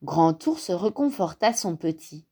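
A woman reading a children's storybook aloud, slow and expressive. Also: on the low side, slightly rough.

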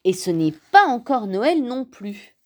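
A woman voicing a big, patient father bear in a storybook reading, who grumbles and sighs but stays gentle. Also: on the high side, very animated, unhurried, pitched above the performer's own voice. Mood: grumbling. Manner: sighing, grumbling, then gentle.

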